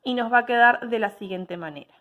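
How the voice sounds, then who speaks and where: A woman's voice: fairly high pitch, a little fast, fairly bright tone, muffled recording. A woman, giving a patient step-by-step technical drawing lesson and checking in with her students after each step.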